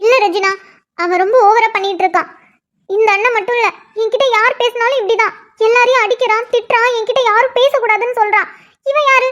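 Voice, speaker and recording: A woman voicing a feisty, defiant schoolgirl in a cartoon, giving sharp, indignant retorts. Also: extremely high pitch, fast talker. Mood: determined. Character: feisty defiant schoolgirl, quick to fight back. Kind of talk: cartoon voice acting. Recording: dull lo-fi audio.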